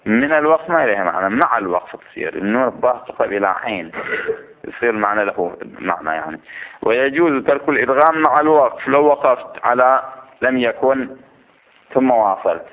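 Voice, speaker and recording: A man's voice: mid-range voice, expressive, brisk. Man lecturing over a tinny line. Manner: explains step by step, poses questions to the class. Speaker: religious teacher. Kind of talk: classroom lesson on Quran recitation rules. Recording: tinny phone-like lo-fi recording.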